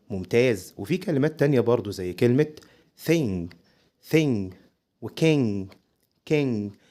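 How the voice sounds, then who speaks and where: A man's voice: medium pitch, warm tone. A man with an Egyptian accent giving a casual English lesson, coaxing and direct with the viewer. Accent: Egyptian Arabic. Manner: direct, coaxing teacher talk. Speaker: English teacher.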